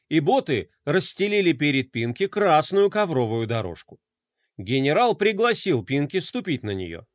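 A man reads a children's storybook aloud with animated, expressive delivery. His voice is high and swings widely in pitch. The recording is dry and close, with no room sound. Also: dry recording. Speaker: narrator.

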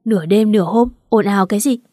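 A woman's voice: mid-range voice, fast talker, dry recording, lightly acted. Woman reading stern old grandmother figure, commanding, dry read. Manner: sharp, commanding. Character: old mother-in-law, fierce matriarch.

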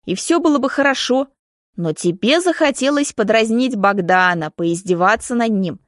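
A woman's voice: a little high, no echo, studio quality, lightly acted. A woman reading an audiobook, voicing an anxious middle-aged mother who speaks emotionally and pleadingly.

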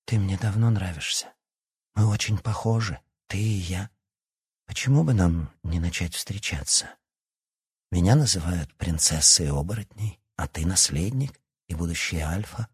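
A man with a low, husky voice voicing a proud, blunt young werewolf princess in an audiobook. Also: normal speed, dry recording, clean studio sound. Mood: earnest, forthright.

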